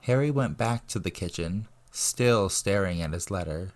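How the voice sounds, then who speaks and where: A man's voice: deep voice, animated, moderate pace, a little mellow, a little hiss or hum. A man reading as the narrator of a dramatic audiobook.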